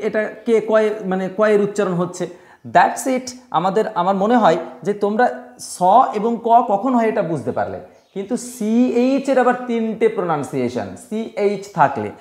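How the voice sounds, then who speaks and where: Man teaching pronunciation in an echoey room. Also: sits high. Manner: drills words slowly, repeating them; addresses students directly and often. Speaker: English teacher. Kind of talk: classroom-style pronunciation lesson.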